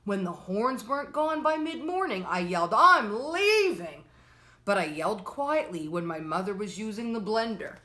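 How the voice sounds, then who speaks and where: Animated and medium-pitched, this woman leads a children's storytime, reading aloud from a picture book with lots of expression. She goes slowly, uses storyteller phrasing, and speaks straight to the children.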